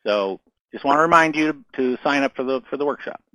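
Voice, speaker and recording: Presenting a casual online marketing webinar, a man answers questions in a bright, forceful, mid-range voice, talking a little fast. He fills his speech with fillers and repeated words, coughing occasionally as his voice gives out. The recording is rough but has no echo.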